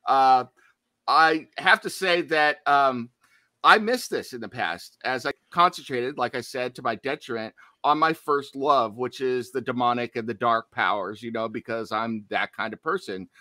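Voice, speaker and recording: A man's voice: medium pitch, moderate pace, bright, forceful tone, no room sound. A man co-hosting a horror podcast, chatting casually and jokily, often drifting into tangents before reading through background notes. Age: adult, studied in college. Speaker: podcast co-host. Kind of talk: casual chat.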